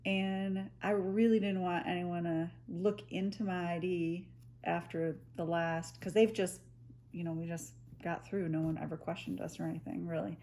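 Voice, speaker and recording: A woman's voice: lowish voice, steady tone, normal speed, a little mellow. A woman from the United States tells a casual, unedited personal story in a giggly, rambling way, laughing through her sentences and swearing freely. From United States, near the Canadian border. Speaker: storytelling vlogger.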